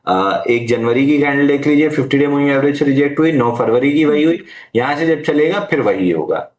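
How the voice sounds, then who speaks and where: A man of medium pitch talks a little fast in an echoey room. As a stock market analyst hosting a live Q&A, he patiently offers advice to viewers in Hindi mixed with English trading terms.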